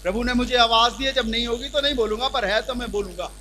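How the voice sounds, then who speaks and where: A man pastor teaching the Bible loudly in a church hall, calling out questions for the congregation to answer. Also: very high-pitched, fast, a little hiss or hum. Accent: Hindi. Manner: loud call-and-response preaching. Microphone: handheld mic.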